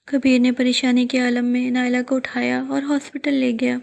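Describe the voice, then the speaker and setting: A woman storyteller narrating a scripted horror story in a steady storytelling manner. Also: sits high, creaky.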